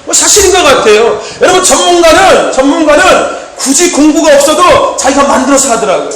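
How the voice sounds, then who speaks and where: A man preaching a sermon, telling stories with lively energy and punching key lines with shouted emphasis and calls of amen. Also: very high-pitched, brisk, a little hiss or hum. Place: church hall. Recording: echoey church hall. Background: congregation answering amen.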